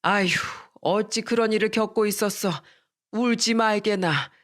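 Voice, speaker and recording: A woman voicing a warm, hearty middle-aged father who draws his words out. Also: medium pitch, steady tone, unhurried, close to an everyday voice.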